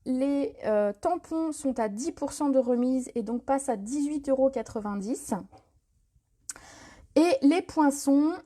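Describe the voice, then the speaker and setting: A woman's voice: high-pitched, unhurried, dark tone. A woman hosting a live stream to sell craft products, talking casually with many hesitations and repeated words. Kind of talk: casual live sales chat.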